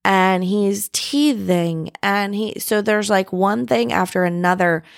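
A woman's voice: mid-range voice, slow pace, vocal fry, no echo, studio quality. A woman in her thirties hosting a casual solo podcast, chatty and reflective, with plenty of "like" and "um" and the odd swear word. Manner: chatty, reflective, heavy use of "like" and "um"; candid, with occasional swearing. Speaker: podcast host.

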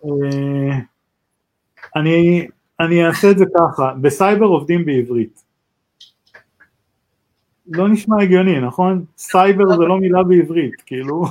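A man with an Israeli accent chatting casually as a podcast co-host, halting and often restarting his sentences. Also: on the high side, darkish tone, poor audio. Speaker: talk co-host, tech entrepreneur.

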